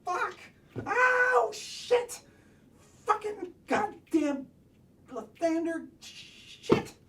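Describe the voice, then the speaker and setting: A woman voicing an excitable, melodramatic puppet adventurer in an exaggerated, emphatic comic style. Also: very high-pitched, slow, heavily acted. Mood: exasperated. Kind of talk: comic puppet-show acting. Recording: distant mic with light noise.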